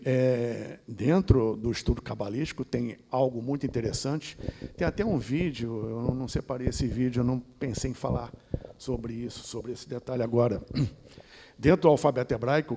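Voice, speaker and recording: A man's voice: medium pitch, dark tone, slightly rough. A man with a Brazilian accent giving a discursive esoteric lecture and often ending points with a tag question. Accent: Brazilian Portuguese.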